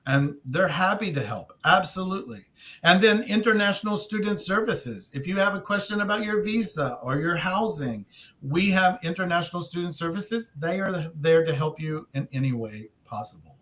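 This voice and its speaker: Lively high-voiced man presenting. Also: moderate pace. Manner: animated, acts out dialogue. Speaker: university staff presenter. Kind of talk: online info session.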